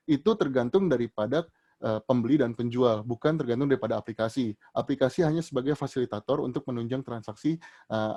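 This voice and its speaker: With a warm, mid-range voice, this man runs an online training session and fields audience questions in a relaxed explaining style. He stumbles through fillers and restarts, and his pitch rises sharply each time he begins an answer.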